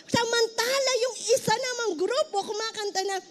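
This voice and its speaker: A woman's voice: extremely high pitch, normal speed, a little hiss or hum. A middle-aged woman pastor with a Filipino accent preaching a heartfelt sermon, now and then breaking into song.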